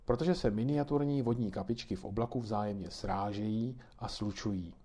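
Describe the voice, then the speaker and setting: A man calmly reading a children's story aloud as narrator. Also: lowish voice, breathy edge.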